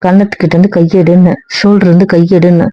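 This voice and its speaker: A young woman pleads and coaxes in a mid-pitched voice, repeating her words. The audio is dull and lo-fi with a dry, close sound. She plays the wife in a comic skit. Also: flat delivery, fast, no room sound. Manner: pleading, coaxing, repeats herself.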